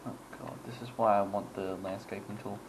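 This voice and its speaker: A man's voice: fairly low pitch, level tone, fairly quick, vocal fry, background noise. A man giving casual, rambling gameplay commentary, chuckling and making self-deprecating asides as he goes. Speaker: gaming channel host.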